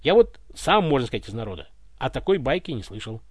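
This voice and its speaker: A man's voice: medium pitch, sing-song, fast, no room sound. A man voicing a brash, cheeky young commoner who keeps joking in folksy speech, read dry and close. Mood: bantering.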